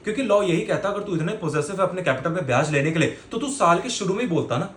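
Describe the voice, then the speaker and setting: A man's voice: high voice, lively intonation, quick pace, a bit bright. A male teacher giving a lecture in a playful, colloquial way, calling his students "beta". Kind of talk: classroom lecture. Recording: echoey room with faint noise.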